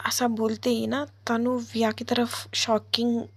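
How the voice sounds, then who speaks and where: A woman narrating a love story in a soft, unhurried way, often dropping to a whispery tone. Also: fairly high pitch, level tone, husky, no echo. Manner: slow, soft, drops to whispery asides.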